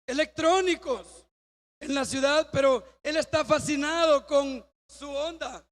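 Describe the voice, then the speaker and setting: High voiced preacher guy, slow, tells a story and shouts parts of it, big church hall echo. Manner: storytelling, acting out quoted dialogue, bursts of shouting. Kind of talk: sermon illustration story.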